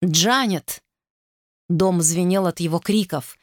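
A woman's voice: fairly low pitch, fairly even intonation, normal speed, dry recording, clean studio sound. Woman reading a dramatic story aloud. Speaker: narrator. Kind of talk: audiobook narration.

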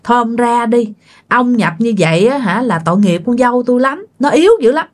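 An elderly grandmother pleads politely but firmly with a spirit, voiced by a woman telling a ghost story. The voice sits fairly high and moves quickly, bold despite her age. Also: animated, lightly acted. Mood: pleading.

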